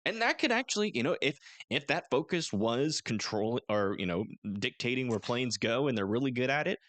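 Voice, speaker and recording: A man's voice: medium pitch, animated, brisk, fairly bright tone, no echo. A man co-hosting a podcast in casual chat, joking, laughing often and stubbornly arguing his point. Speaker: podcast co-host.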